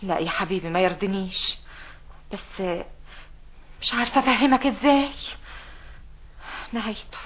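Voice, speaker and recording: A woman's voice: mid-range voice, expressive, normal speed, long pauses, lightly acted. An actress playing a doting, protective Egyptian mother in a TV drama. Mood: firm. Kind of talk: TV drama acting. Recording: dull lo-fi TV soundtrack.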